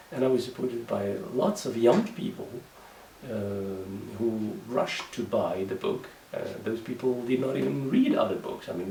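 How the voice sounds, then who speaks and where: In an interview monologue, this Moroccan writer talks in English, his accent shaped by his native Moroccan Arabic, hesitating often with fillers and restarts. His pitch is fairly low, mellow, with vocal fry. Faint background noise and a distant mic in an echoey room color the recording.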